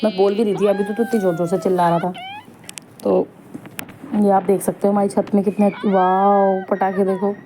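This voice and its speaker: A woman's voice: medium pitch, little pitch movement, moderate pace, dark tone, a little hiss or hum. A young woman casually narrating a family vlog, chatty and homely in her storytelling. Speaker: family vlogger.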